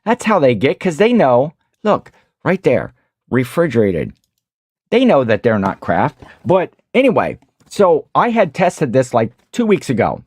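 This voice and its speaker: A man's voice: mid-range voice, wildly swooping pitch, a little slow, a little mellow, breathy edge, no echo. Man, Midwestern American accent, casual livestream host, rambling, dry close sound. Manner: rambling, talks while eating, greets chat viewers. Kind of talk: casual livestream chat with food review.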